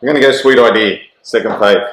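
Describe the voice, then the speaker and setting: A matey Australian man with a fairly low voice, recorded in an echoey room. He co-hosts a racing show, offering opinionated tips and casual banter. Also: fast, fairly bright tone. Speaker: co-host and racing tipster. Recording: echoey, roomy sound.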